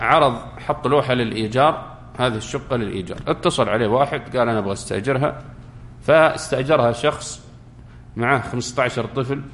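A man's voice: medium pitch, slight background noise. A man with a Saudi accent teaching Islamic law in a classroom, explaining rulings through everyday examples and questions to his students. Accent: Saudi Arabic. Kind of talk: classroom fiqh lesson.

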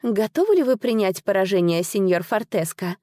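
A woman's voice: mid-range voice, expressive, normal speed, a little mellow, no room sound, studio quality, lightly acted. A woman voicing a beautiful noble hostess whose sweet courtesy turns to venom, speaking with silky mockery and hidden anger. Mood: mocking.

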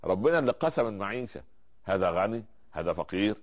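A man's voice: on the low side, very animated, fast. A man with an Egyptian Arabic accent giving a religious lesson, often asking the audience rhetorical questions and restarting his words. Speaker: preacher.

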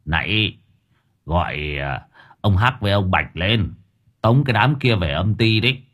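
A man's voice: sits low, expressive, unhurried, a bit bright, exaggerated voice. A man voicing a blunt, bossy old village exorcist. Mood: instructive. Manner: blunt, earthy, commanding.

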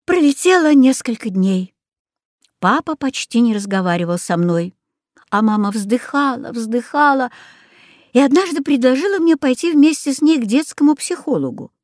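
A woman reads a children's book aloud in a steady, first-person storytelling voice. Her pitch sits a little high. The recording is close and dry, with no room sound. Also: moderate pace, no echo. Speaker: audiobook reader. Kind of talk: scripted first-person narration.

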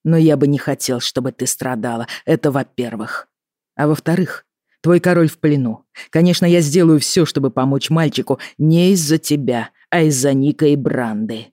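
A stern, worried middle-aged father speaks in measured, grave tones, voiced by an audiobook reader, a little raised and firm. The weariness sits under every line. The recording is dry and close, with no room sound. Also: medium pitch, warm tone, dry recording, close to an everyday voice. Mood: grave, weary. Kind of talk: audiobook character reading.

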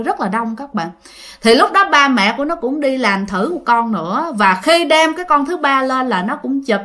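A woman tells a ghost story in a chatty, conversational way. She keeps turning to her listeners. Her voice is high and bright. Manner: chatty, addresses listeners directly.

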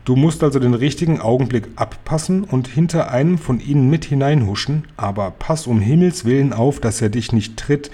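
A loving old grandmother from a storybook, voiced by a man reading aloud. She speaks calmly and with care, in a warm, mellow tone. The pitch sits in the middle range. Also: moderate pace, few pauses, slightly rough, lightly acted. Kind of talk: audiobook reading.

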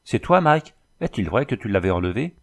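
A man voicing an imperious, brutal gentleman who speaks curtly and commands. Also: fairly low pitch, sing-song, fairly quick. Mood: harsh. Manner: commanding, curt.

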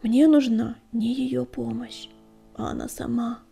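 A woman brings to life a young she-cat healer, anxious and mourning her mentor, as the storybook goes on. Her voice is hushed, breathy and mellow, sitting a little high. Soft music hums underneath. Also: steady tone, measured pace, full character voice. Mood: grieving.

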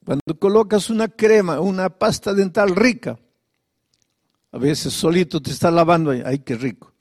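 A male pastor preaching a sermon, firing off repeated rhetorical questions and at times dropping to a soft, confiding tone. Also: high-pitched, normal speed, no echo, studio quality.

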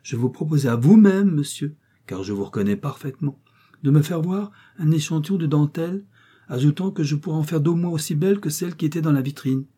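A man's voice: a little high, fairly quick, mellow, slightly rough, pitched above the performer's own voice. A man voicing a proud young widow, cool and cutting. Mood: coldly proud.

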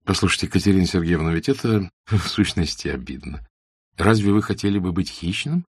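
A friendly, inquisitive young man presses his questions with earnest liveliness, as a male narrator plays him. His voice is low and husky, recorded dry and close. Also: lively intonation, brisk, no echo. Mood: probing. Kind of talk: audiobook character reading.

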